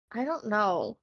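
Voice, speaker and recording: A woman's voice: fairly high pitch, creaky, no room sound, muffled recording. A woman co-hosting a podcast, giggling and asking playful questions in casual chat. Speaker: podcast co-host.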